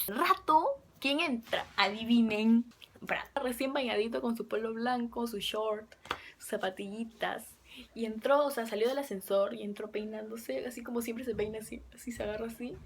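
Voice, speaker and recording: A young woman casually telling a fan story to camera, chatty and excitable, sometimes dropping to a whisper. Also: on the high side, husky. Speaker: fan vlogger.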